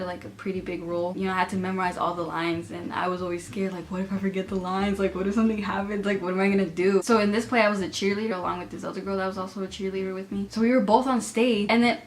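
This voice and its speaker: A young adult woman casually telling stories to camera. She laughs often and fills her sentences with "like". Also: mid-range voice. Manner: giggly, laughs through her stories, many filler "like"s. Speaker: vlogger.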